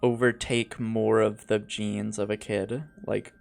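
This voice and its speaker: Slow gravelly game master. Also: male voice, on the low side, faint music behind. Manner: relaxed, thinks aloud with fillers. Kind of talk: narrating a tabletop game on a live stream.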